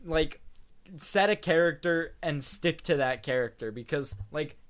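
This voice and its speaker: A young man with a slightly high voice talks casually on a podcast. He is relaxed and chatty, often laughing as he talks. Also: measured pace. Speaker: podcast co-host. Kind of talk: casual chat.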